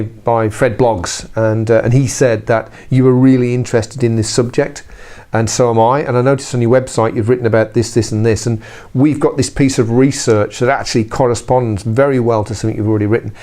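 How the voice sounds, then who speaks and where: Speaking straight to camera, a middle-aged Brit hosts an informal training vlog with a mellow, mid-range voice. He's chatty, prone to self-correction, and adds the occasional wry comment.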